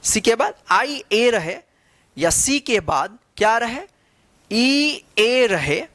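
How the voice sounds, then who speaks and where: Slow, patient woman teaching phonics. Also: on the high side, very animated, a bit bright, dry recording. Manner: slow, repeats each word with rhetorical questions; spells out letters before reading the word. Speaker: English teacher. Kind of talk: phonics lesson.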